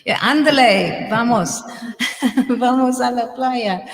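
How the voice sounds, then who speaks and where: A woman from Ireland, a guest musician on a live stream, chats casually between songs, giggling and filling her talk with ums. Her voice sits on the high side and she speaks slowly, heard in a large hall.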